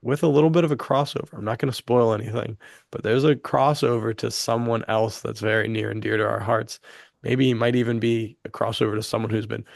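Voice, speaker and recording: A podcast co-host speaks in a mid-range, brisk, creaky voice, recorded with studio quality and no echo. He chats casually and enthusiastically, sounding earnest and animated while dropping slang like "dude" and "like."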